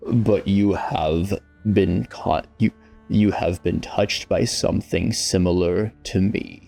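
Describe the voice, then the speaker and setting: Man putting on a low, slow, gravelly shadow spirit. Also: soft background music, exaggerated voice. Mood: sassy, stern. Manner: slow, deliberate, deadpan condescension. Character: sassy, grudging male shadow patron spirit speaking in someone's head.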